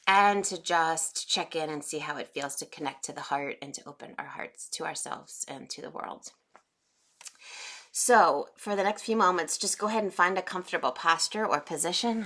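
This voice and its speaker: A woman in her forties guides a meditation class in a low, gentle voice. She speaks unhurriedly, pausing often with soft fillers as she talks the group into slowing down. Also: creaky. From United States. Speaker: meditation teacher.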